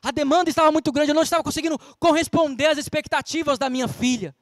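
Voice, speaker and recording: A man's voice: extremely high pitch, rapid-fire, no echo, studio quality. A man with a Brazilian Portuguese accent preaching a sermon as pastor, emphatic, with rhetorical questions and scripture quotes. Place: church.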